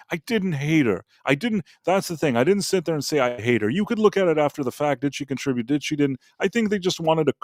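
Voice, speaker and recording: A man's voice: mid-range voice, darkish tone, no room sound. Blunt rambling man, dry close mic. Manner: blunt, rambling, frequent restarts and fillers. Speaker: podcast co-host. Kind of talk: casual opinionated chat.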